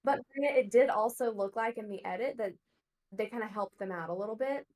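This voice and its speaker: A woman's voice: mid-range voice, brisk, a little mellow. A woman with a Southern US accent, a former contestant, chatting casually and laughing between her thoughts. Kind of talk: casual recap chat.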